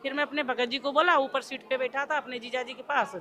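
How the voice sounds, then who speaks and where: High, bright-voiced woman telling her story. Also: steady tone, brisk. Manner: acts out remembered dialogue with quoted voices. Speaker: devotee giving testimony. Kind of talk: personal testimony storytelling.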